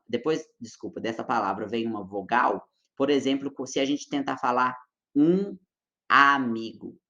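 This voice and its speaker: A man's voice: medium pitch, lo-fi sound. Brazilian man teaching Korean pronunciation. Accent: Brazilian Portuguese. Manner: patient, explanatory, repeats example words slowly. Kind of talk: pronunciation lesson.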